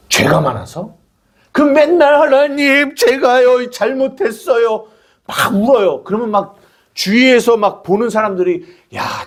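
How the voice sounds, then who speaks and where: A male pastor preaching a sermon, acting out prayers and imagined dialogue as he explains his point. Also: high-pitched.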